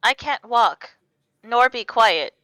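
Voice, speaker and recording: A woman's voice: a little high, expressive, slow, sharp tone, heavily acted, poor audio. A woman playing a prim robot nanny. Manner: polite, formal.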